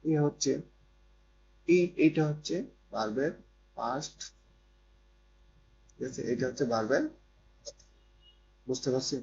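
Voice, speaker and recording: In a mid-range, somewhat mellow and creaky voice, a Korean language teacher goes through grammar a little slowly, leaving long pauses. He restates points and checks whether students get it. Faint noise and hum run through the dull, lo-fi recording.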